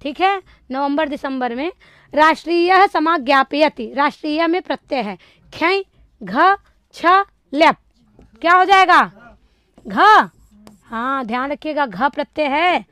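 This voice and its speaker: A woman's voice: high-pitched, animated, slow, fairly bright tone, dry recording. A woman teaching Sanskrit, going through a past exam paper. She reads out each question and its options, asks the class what the answer is, and then answers it herself. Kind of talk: exam-prep lecture solving past papers.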